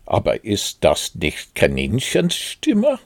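A man's voice: lowish voice, huge pitch swings, slow pace, creaky, no echo, clean studio sound, full character voice. A man voicing a naive, cheerful toy bear in a storybook reading, talking earnestly. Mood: calling, puzzled. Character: cheerful, simple-minded male toy bear.

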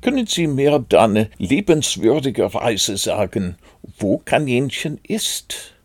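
A man's voice: medium pitch, very animated, slow, husky, no room sound, voice pushed up, full character voice. A man voicing a naive, cheerful toy bear in a storybook reading, talking earnestly. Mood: earnest, eager. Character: cheerful, simple-minded male toy bear.

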